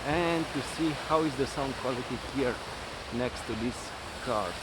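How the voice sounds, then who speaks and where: A man giving a casual gadget review in a halting way, often repeating words, as he explains a microphone test. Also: mid-range voice. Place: outdoors in a city by a fountain. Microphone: smartphone or small shotgun mic, handheld. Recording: outdoor microphone test, loud water and traffic noise, wind. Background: rushing fountain, traffic, wind.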